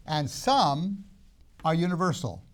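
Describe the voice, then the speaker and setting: An older man who grew up in Tanzania gives a recorded seminary lecture, speaking in measured, emphatic phrases with pauses, "uh"s and restarts. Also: on the high side, big pitch swings, a little hiss or hum.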